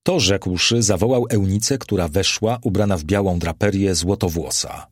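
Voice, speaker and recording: A man narrating a classic novel as an audiobook in a measured, expressive storytelling manner. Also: low-pitched, slightly rough, no echo, clean studio sound.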